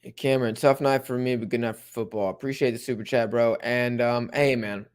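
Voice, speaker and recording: Young male streamer, relaxed chatty host who perks up at big plays. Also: medium pitch, a little fast. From Mexico-supporting fan. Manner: laid-back, chatty, bursts of excitement at plays. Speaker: watch-along host. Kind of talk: casual live commentary and chat reading.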